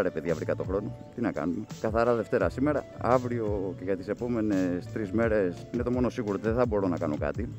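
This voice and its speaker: Greek man, lowish voice, motovlogging from a helmet mic, rambling chatter with music underneath. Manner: rambling, self-mocking, full of fillers. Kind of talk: casual chat while riding. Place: riding a motorcycle at night on city streets. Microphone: external recorder mic inside a helmet.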